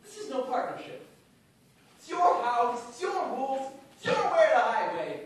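A young man performing a petulant, excitable superhero sidekick in a comic stage duo, in a classroom. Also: extremely high pitch, normal speed, pitched above the performer's own voice, heavily acted. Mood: indignant. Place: classroom, before a seated audience. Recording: echoey classroom, far phone, faint noise.

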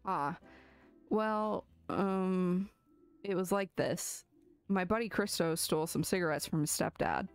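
Lady voicing a chatty young piggy girl, rambles, lowish voice, dry sound. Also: measured pace, clean tone, no room sound, soft background music. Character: young pig girl patient, chatty and eager.

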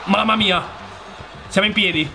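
A young man commentating his own football game match, shouting and complaining at the referee. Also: sits high, moderate pace, over music. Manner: shouting, exasperated outbursts at the referee. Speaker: gaming youtuber. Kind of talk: excited live game commentary.

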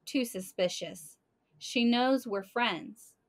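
A woman's voice: a little high, slow pace. A woman voicing a cocky boy detective. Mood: bossy.

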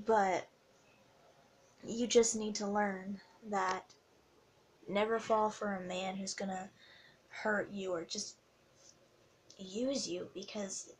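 Slow, tearful young woman vlogging. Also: medium pitch, flat delivery, a little hiss or hum. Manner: tearful, heartfelt, halting. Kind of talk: emotional confessional vlog.

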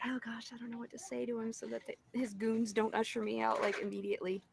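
A woman's voice: fairly high pitch, flat delivery, quick pace, gravelly, a little hiss or hum. A woman playing a tabletop role-playing game, casually and hesitantly thinking aloud about her character's actions.

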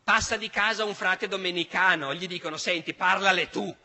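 A man in his sixties from Italy, telling history as a lecture in animated, emphatic storytelling. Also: sits high, a little fast. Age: 60s. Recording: large hall with long reverb.

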